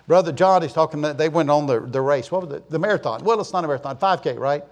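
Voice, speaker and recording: A man in his sixties with a somewhat high voice leads a church gathering. He talks in a loose, folksy sermon style. He wanders through jokes and asides to people in the pews. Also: fast talker. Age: 60s. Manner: joking storyteller, chatty asides to the congregation. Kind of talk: folksy, rambling sermon talk.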